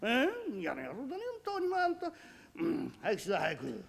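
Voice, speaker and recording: A man doing a gruff Edo uncle. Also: sits high, huge pitch swings, fairly quick, heavily acted. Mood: scolding. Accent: Edo Tokyo. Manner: rough scolding, then fatherly advice. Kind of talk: rakugo storytelling.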